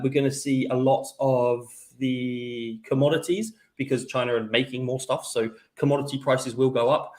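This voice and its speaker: A man co-hosting a live crypto stream, giving casual market commentary over a remote call, hesitant and full of fillers. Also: medium pitch. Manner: hesitant, many fillers and restarts. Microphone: remote call connection.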